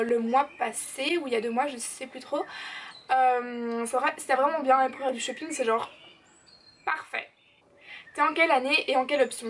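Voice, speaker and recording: An eighteen-year-old woman, chatting casually as she answers viewer questions in her vlog, full of fillers. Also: sits high. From Belgium. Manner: chatty and bubbly, lots of fillers and "genre". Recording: slightly distant mic, faint background noise.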